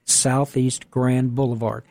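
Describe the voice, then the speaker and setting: Enthusiastic man with a mellow voice. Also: mid-range voice, level tone, takes it slowly, creaky, no room sound. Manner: enthusiastic, chatty, promotional. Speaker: radio guest, sports event organizer. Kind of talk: casual radio interview chat.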